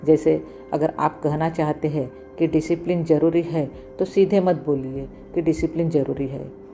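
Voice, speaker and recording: A woman giving scripted voice-over narration with steady, instructive delivery, counting off communication tips by number. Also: low-pitched, normal speed, faint music behind.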